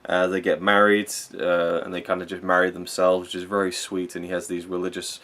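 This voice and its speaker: Low-voiced man rambling through a film review. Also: completely flat delivery, fairly quick, a bit bright. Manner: rambling, earnest, gets emotional, swears casually. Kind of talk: casual spoken film review.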